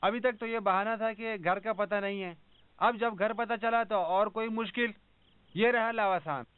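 A man's voice: high-pitched, normal speed, clear, resonant tone, no room sound, lightly acted. A man playing a tired, short-tempered grown son arguing with his mother in a dubbed TV drama. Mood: bitter. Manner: tired, then explosive. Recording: tinny phone-like sound.

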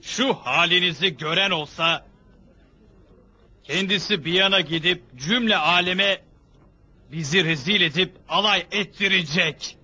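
A man's voice: high-pitched, a little slow, pushed and bright, breathy edge, exaggerated voice. An actor voicing a young male warrior in a dubbed period drama, blunt and impatient with his grieving family. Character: young male warrior, defiant son and nephew.

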